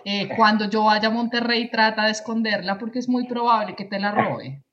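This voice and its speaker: A woman co-hosting a live-streamed talk show, excitable and fast-talking. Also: on the high side, highs cut off. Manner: fast, excitable, laughs easily. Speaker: co-host.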